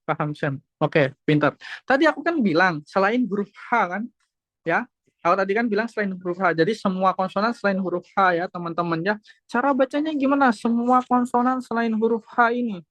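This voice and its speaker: A woman's voice: medium pitch, fairly quick, no echo. Patient woman teaching over video call. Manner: patient, repeats points and checks understanding. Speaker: Korean language teacher. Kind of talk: online class lesson.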